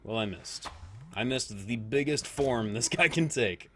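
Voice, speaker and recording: A man's voice: medium pitch, a little slow, a bit bright. A man streaming a video game live, chatting casually with viewers, reacting aloud to the play and laughing often.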